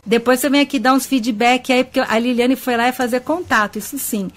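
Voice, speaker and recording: A woman's voice: high voice, brisk. A woman radio host with a Brazilian Portuguese accent, chatty and affectionate, greeting listeners by name and laughing often as she talks about spirituality. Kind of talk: web radio talk show on ufology and spirituality. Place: radio studio.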